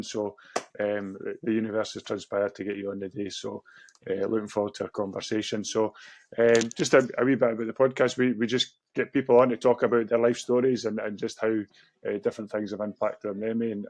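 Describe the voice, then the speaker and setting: A Scottish man hosting a podcast interview, talking in a halting way with many restarts and fillers. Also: lowish voice, darkish tone, no room sound. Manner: hesitant, lots of restarts and fillers. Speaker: podcast host.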